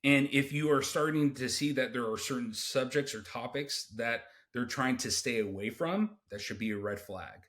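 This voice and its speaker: A man with a mid-pitched voice explains things as a recruiter being interviewed. His delivery is direct and emphatic, laying out advice in an instructive way. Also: moderate pace, hardly any pauses, fairly bright tone.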